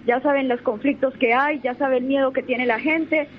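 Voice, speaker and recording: With a high-pitched, fairly even delivery at a moderate pace, a young Colombian woman who works as a lawyer speaks assertively as a radio guest. She occasionally repeats herself while thinking, and the sound is muffled radio audio with faint noise.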